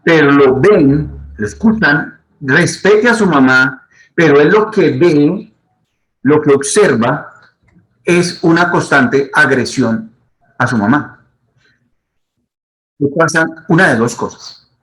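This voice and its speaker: A man's voice: a little high, expressive, takes it slowly, pauses often, fairly bright tone, poor audio. A middle-aged man, a psychologist, giving advice to the camera in a teaching manner and repeating his key points. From Colombia.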